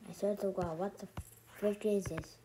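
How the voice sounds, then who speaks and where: A woman's voice: medium pitch, fairly even intonation, moderate pace, mellow, a little hiss or hum, low-quality recording. A woman hosting her own gaming channel, showing off a game's new content in casual, hesitant commentary that rambles and trails off, talking with something in her mouth. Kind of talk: casual game showcase commentary.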